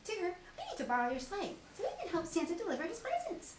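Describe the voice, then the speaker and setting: A woman voicing a small, timid, excitable male piglet in a squeaky, exclaiming storybook voice. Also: fast, exaggerated voice. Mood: urgent. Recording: distant echoey room with faint noise.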